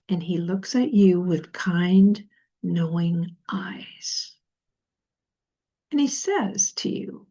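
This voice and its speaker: A woman leading a guided meditation in a gentle, soothing, unhurried voice with pauses between phrases. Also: medium pitch, dull audio.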